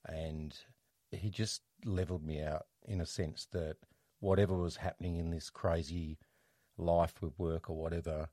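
Deep-voiced man telling a personal story. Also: little pitch movement, mellow, no echo, studio quality. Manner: reflective, halting, with frequent restarts. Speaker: interview guest.

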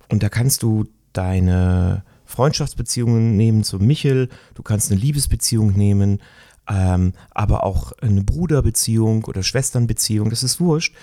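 A middle-aged man talking reflectively in a conversation, searching for words and often pausing with fillers. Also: medium pitch, dark tone, no room sound, studio quality. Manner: thoughtful, searching, with many fillers.

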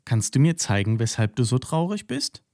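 A man reading the lines of a kind, caring young girl in a children's story, speaking gently and soothingly. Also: mid-range voice, sing-song, normal speed, no room sound, studio quality, pitched above the performer's own voice. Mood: concerned.

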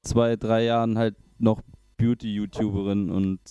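A man's voice: on the low side, little pitch movement, unhurried, dark tone, smooth, no echo, highs cut off. A man chatting casually about a rap song, with loose slang and frequent restarts. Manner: hesitant, restarts, colloquial youth slang. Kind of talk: casual music review chat.

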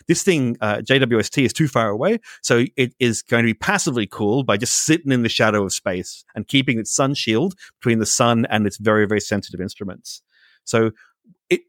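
A man explaining space science in a casual podcast chat, animated and jokey, often restarting his sentences. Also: mid-range voice, no room sound, studio quality. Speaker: space expert guest.

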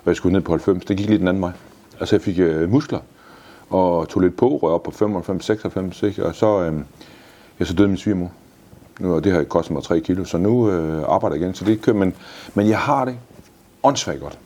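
Husky deep-voiced man in his fifties. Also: warm tone. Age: 50s. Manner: blunt and swearing, enthusiastic. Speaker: guest. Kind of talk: casual interview answers.

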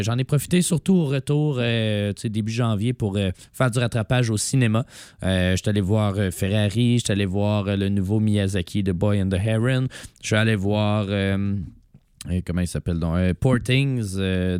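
A man with a Quebec French accent and a hoarse, raspy smoker's voice from laryngitis, co-hosting an informal, hesitant cinema chat. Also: fairly low pitch, darkish tone, no echo, studio quality. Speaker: radio show co-host. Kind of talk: casual chat about cinema.

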